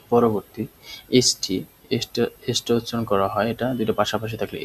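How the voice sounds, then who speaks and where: Low-voiced man teaching a language class. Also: slight background noise, low-quality recording. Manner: explains step by step, asks and answers his own questions. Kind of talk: spoken language lesson.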